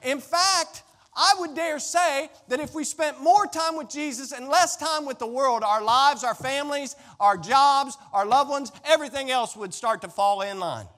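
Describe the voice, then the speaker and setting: The pastor's voice is extremely high and fairly bright, moving at a normal speed. He gives an emphatic sermon to a congregation indoors in a large room, with folksy direct address and repeated phrases, recorded in a hall with lengthy reverberation.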